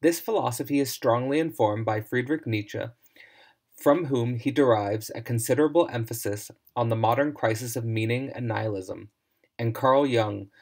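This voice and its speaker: Guy reading a scripted lecture, measured and formal, mid pitch. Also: darkish tone.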